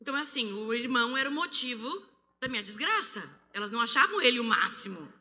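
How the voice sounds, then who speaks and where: A Brazilian woman giving an animated testimony sermon on a handheld mic, acting out voices as she tells it. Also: a little high, fast. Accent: Brazilian Portuguese. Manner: animated, acts out quoted voices. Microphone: handheld microphone. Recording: long hall reverb.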